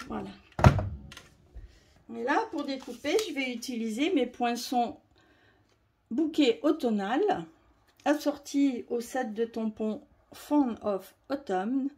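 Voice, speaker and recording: A woman's voice: fairly high pitch, measured pace, long pauses, darkish tone, a little hiss or hum. A woman demonstrating a crafting tutorial, chatty and explaining as she works. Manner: chatty, explaining while working.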